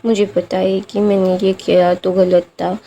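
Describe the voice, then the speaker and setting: A woman voicing a timid, childlike young man who pleads and apologizes in a halting way. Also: mid-range voice, little pitch movement, dark tone, a little hiss or hum, close to an everyday voice. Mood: apologetic.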